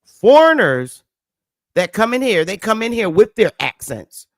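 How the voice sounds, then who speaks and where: With a mid-range, sing-song voice and a measured pace, a Northern US woman hosts a livestream. She lectures her viewers emphatically, going over her points again and prompting the chat to answer back. The recording is dry, with clean studio sound.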